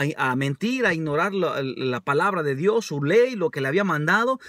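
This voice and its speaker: A man preaching a conversational sermon in Spanish, calling his listeners brothers and often pausing with hesitations. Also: fairly high pitch, fairly bright tone, dry recording, studio quality. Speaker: pastor.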